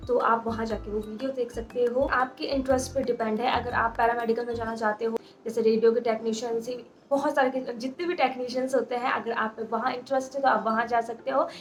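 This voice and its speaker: Young woman in her twenties, fairly high voice, quick casual Q&A vlog delivery on a handheld phone, faint music underneath. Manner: talks fast, mixing in English words. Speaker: nursing graduate vlogger. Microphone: phone held in hand.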